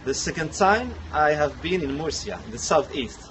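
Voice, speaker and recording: A man in his thirties answers interview questions with hesitant pauses. His voice sits a little high, and faint background noise runs under the recording. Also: expressive, a bit bright, poor audio. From Morocco. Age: 30s.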